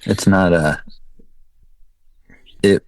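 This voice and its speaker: A man's voice: low voice, fairly even intonation, drawn-out words, dry recording. A man guesting on a podcast, speaking hesitantly with frequent restarts. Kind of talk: casual chat.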